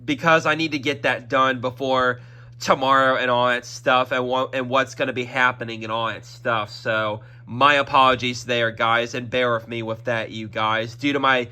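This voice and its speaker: A young man with a medium-pitched, level voice speaks at a moderate pace, his tone pushed and bright. Hosting his own YouTube channel, he rambles through a casual announcement with a congested throat and the occasional cough. He keeps repeating himself, circling back with fillers like "that is" and "y'all."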